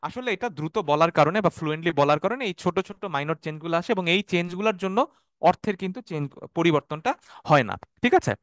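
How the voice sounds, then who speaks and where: A man teaching an online Arabic class, explaining terms slowly, repeating them and checking often that students follow. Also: on the high side, expressive, a bit bright, no echo, clean studio sound. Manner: has students repeat words after him.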